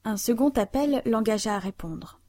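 Mellow woman reading a classic novel. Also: on the high side, no room sound. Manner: measured, even literary reading. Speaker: audiobook narrator. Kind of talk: scripted narration of a classic novel.

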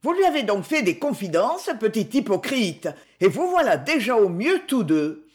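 Woman doing a snippy arrogant stepmom, raised high and loud, voice swooping all over the place. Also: sing-song, measured pace. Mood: furious. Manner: acerbe, haughty, scolding. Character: sharp arrogant middle-aged stepmother, scolding. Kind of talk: audiobook reading.

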